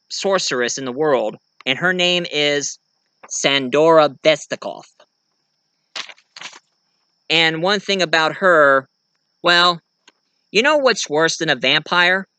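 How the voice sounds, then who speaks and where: A sharp but smooth male voice, pitched on the high side, carries this casual vlog talk with no room sound. The speaker, a video creator who writes as an amateur, wanders enthusiastically through thoughts on his own writing.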